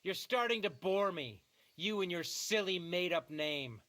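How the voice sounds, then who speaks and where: A performer playing a scornful village bully in a video game who mocks and taunts. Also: female voice, on the low side, animated, a little slow, fairly bright tone. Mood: mocking. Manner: mocking, taunting.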